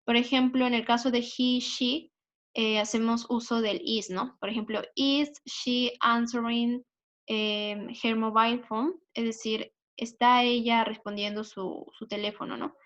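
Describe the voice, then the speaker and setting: A woman's voice: a little high, level tone, normal speed. A woman with a Peruvian Spanish accent, explaining English grammar patiently over slides, with many fillers and tag questions. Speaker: English teacher. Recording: dull lo-fi recording.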